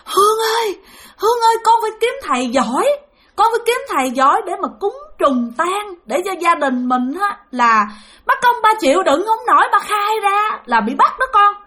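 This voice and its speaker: A woman's voice: high-pitched, very animated, brisk, a bit bright. A woman voicing the pained ghost of an old grandfather, sobbing and pleading. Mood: tormented. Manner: sobbing, pleading, repeats cries.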